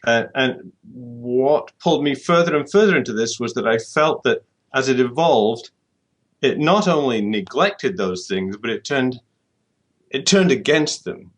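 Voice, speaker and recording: A British man, an author, talks in a mid-range voice that is animated yet unhurried. Being interviewed conversationally, he reasons carefully, circling back and repeating words as he goes.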